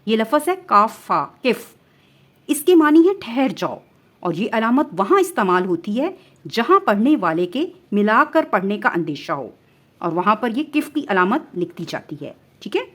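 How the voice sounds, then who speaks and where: A woman teacher explaining the stop marks of Quran recitation step by step, often checking that her listeners follow and reciting verses slowly. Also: mid-range voice, very animated. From Pakistan. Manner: patient explaining, asks "ٹھیک ہے؟" often. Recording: muffled lo-fi recording.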